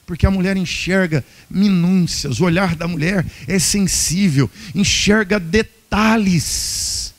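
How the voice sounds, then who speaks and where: A man with a Brazilian Portuguese accent, preaching a humorous sermon as pastor at a couples' retreat and acting out little dialogues. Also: a little high. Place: church hall.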